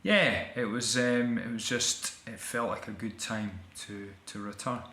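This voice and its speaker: A man's voice: mid-range voice, steady tone, measured pace, sharp tone, echoey room. A middle-aged Scottish man, an actor and writer, talking reflectively as an interview guest with many restarts and fillers. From Scotland.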